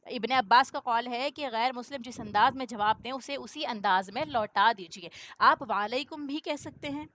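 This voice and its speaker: Woman teacher giving a religious lesson, kinda high voice, keeps asking rhetorical questions, drops in english words. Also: bright, forceful tone. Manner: explanatory, poses rhetorical questions and checks with "okay?"; mixes many English words into her speech. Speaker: Islamic teacher.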